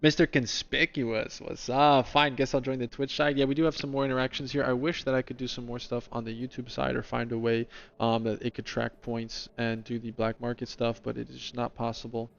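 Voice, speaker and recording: This is a guy from New Jersey streaming in a lemon persona, chatting casually with viewers and addressing people in chat by name. He rambles a lot, talking a little fast in a creaky, medium-pitched voice with little pitch movement, and he sounds kind of dull.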